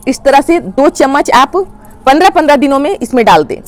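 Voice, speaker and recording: Woman, high voice, plain instructional host explaining garden care to viewers. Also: animated, a little fast. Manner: plain step-by-step explaining, addresses viewers as friends. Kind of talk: instructional how-to talk.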